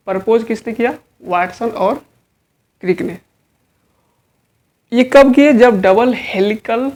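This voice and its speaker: A woman biology teacher giving an exam-prep lecture, asking rhetorical questions and repeating each answer to drill it in. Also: medium pitch.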